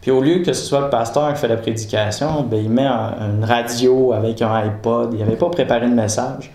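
A man with a Quebec French accent telling a personal story casually, animated, often laughing and acting out conversations. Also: mid-range voice, brisk. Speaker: guest giving a testimony. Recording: roomy with faint ambience.

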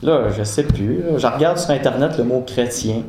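Animated Quebec French man telling his story. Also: mid-range voice, normal speed, slight background noise. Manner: animated, laughing often, acting out dialogue. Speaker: guest giving a testimony. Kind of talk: casual storytelling. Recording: roomy with faint ambience.

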